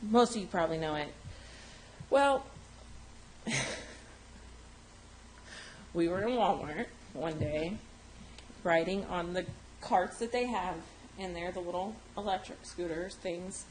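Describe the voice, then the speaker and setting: A woman telling a funny story to a group, animated and laughing, acting out the quotes. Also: slow, long pauses. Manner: animated, laughing, acts out quotes with big pitch jumps. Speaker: mourner sharing a story at a funeral gathering. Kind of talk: casual storytelling. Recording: echoey room with background noise.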